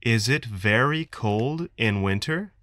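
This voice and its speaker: Man, american accent, slow clear reading, expressive pitch, dry close recording. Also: dry recording. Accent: General American. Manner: clear, deliberate enunciation for learners. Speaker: textbook dialogue reader. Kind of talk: slow scripted textbook reading.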